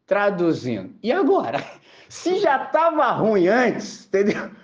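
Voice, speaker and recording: A man from Brazil preaching a sermon and telling funny anecdotes in slangy, animated speech. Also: high voice, slow pace. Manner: animated storytelling, slangy and laughing. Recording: dull lo-fi recording.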